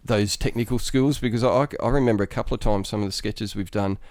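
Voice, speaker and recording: Chatty podcast host, dry sound. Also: male voice, lowish voice, fast, a little mellow, dry recording. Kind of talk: casual chat.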